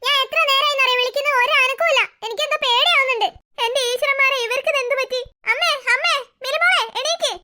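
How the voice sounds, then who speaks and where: A harried mother grumbles about her chores and bosses her husband around, voiced by a cartoon voice actor. The voice is very high and bright, and it moves at a quick clip. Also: exaggerated voice. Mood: alarmed. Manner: complaining, bossy. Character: busy mother, harried and sharp-tongued. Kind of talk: cartoon voice acting.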